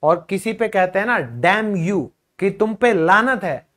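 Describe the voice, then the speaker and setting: A man's voice: sits high, moderate pace, fairly bright tone. A man teaching English pronunciation in a video lesson. He explains patiently, repeats each drilled word, and calls his viewers children and friends.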